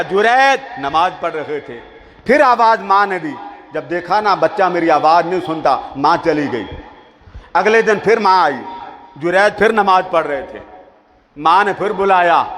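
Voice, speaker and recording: High-voiced preacher man. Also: a bit bright. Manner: storytelling, speaks to a seated crowd. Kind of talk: sermon. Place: large hall with a seated audience. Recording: long reverb of a large hall.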